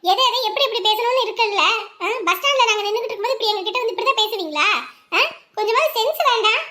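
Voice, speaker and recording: A woman plays a sharp-tongued young woman who lectures everyone around her. Her voice sits very high and sounds bright and forceful. She speaks bluntly, scolding without softening. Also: rapid-fire. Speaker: outspoken friend. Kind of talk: web series acting.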